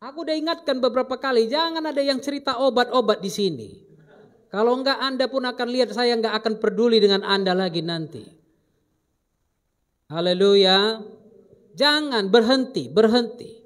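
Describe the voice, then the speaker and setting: A man preaching a sermon as pastor, delivering emphatic commands and then dropping into low asides. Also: moderate pace, long pauses, fairly bright tone.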